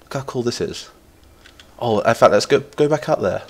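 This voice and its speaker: Gaming on a live stream, this English-accented Lincolnshire man is nasal with a cold but still chatty and enthusiastic, rambling on and reading out messages from chat. He speaks at a normal speed in a medium-pitched, expressive voice.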